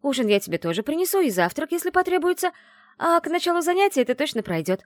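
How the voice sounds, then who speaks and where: A woman voicing a lively, scheming young female student of magic who talks bossily and excitedly. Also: sits high, dry recording, studio quality, pitched above the performer's own voice. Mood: agitated, bossy. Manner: bossy, fast and excitable.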